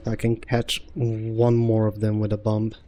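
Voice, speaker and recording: A man hosting a gaming channel, calmly thinking aloud through his tactics as let's-play commentary. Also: on the low side, unhurried. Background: game music.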